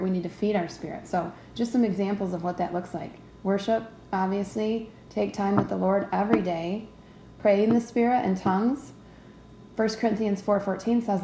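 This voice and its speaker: A woman's voice: mid-range voice, reverberant, background noise. A woman hosting a devotional teaching podcast, talking conversationally and often checking in with her listeners. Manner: conversational, checks in with "right?" and "okay?". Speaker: podcast host teaching faith.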